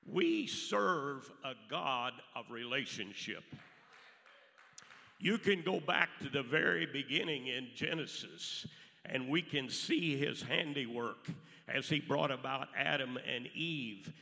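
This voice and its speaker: A man preaching a church sermon in a raspy, hoarse voice, speaking deliberately in short weighted phrases. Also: mid-range voice, pushed and bright. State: hoarse from allergies. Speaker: pastor preaching to a congregation. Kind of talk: church sermon with Bible readings and prayer. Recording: reverberant hall, faint music.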